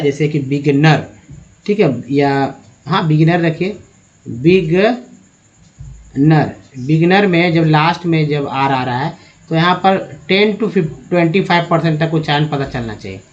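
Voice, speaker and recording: A man teaching an English pronunciation lesson, slowly spelling words letter by letter and addressing viewers as friends. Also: fairly high pitch. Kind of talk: spoken language lesson. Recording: dull lo-fi recording.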